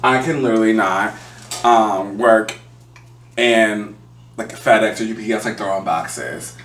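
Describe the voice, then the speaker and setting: A man co-hosting a casual chat podcast, an animated storyteller who laughs often. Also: fairly low pitch, a little slow, far from the mic, a little hiss or hum. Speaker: podcast co-host. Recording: roomy, off-mic.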